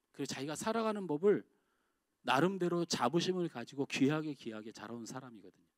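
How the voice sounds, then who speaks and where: Middle-aged male pastor, sermon delivery, slightly high voice, dry close sound, big shifts between emphatic and hushed. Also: dry recording. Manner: swings from loud emphatic outbursts to quiet confiding asides. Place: church sanctuary.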